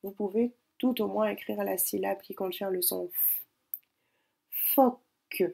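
A woman teacher recording a spelling dictation lesson at home, speaking slowly and spelling words out syllable by syllable. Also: mid-range voice, fairly even intonation, gravelly, mellow. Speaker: primary school teacher.

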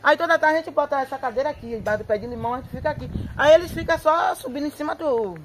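A woman speaks outdoors into a handheld microphone, her voice sitting a little high. She recounts events in an excited, tumbling way, circling back and repeating words. She often quotes herself and her family as she goes. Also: rapid-fire, a little hiss or hum. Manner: breathless, repetitive storytelling with acted-out quotes. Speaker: interviewee, local resident. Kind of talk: excited eyewitness account. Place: outdoors at a home yard.

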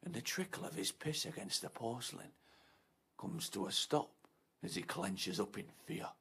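An actor playing a foul-mouthed, menacing man obsessed with his disco night, swinging from hushed whispers to shouts. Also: mid-range voice, big pitch swings, moderate pace, vocal fry, husky, exaggerated voice. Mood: scornful. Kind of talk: short film monologue.

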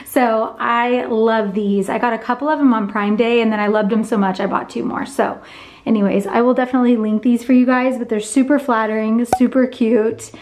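A woman's voice: on the high side, steady tone, brisk, a little mellow. A young adult woman and pregnant mom chatting casually to the camera in a vlog, full of fillers and "like". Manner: chatty, filler-heavy, peppered with "like".

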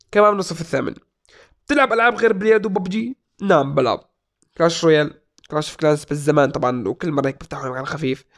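Fast, animated young man joking. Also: fairly high pitch. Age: 20s. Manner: joking, playful, reads out comments. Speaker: YouTuber answering viewer questions. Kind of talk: casual Q&A vlog. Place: small indoor room at a desk.

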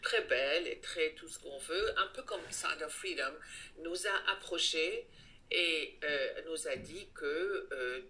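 A woman's voice: low voice, sharp tone. Earnest older woman. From Iran. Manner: earnest, measured, pauses to find words. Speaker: guest, head of a child-protection association. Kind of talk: interview answers.

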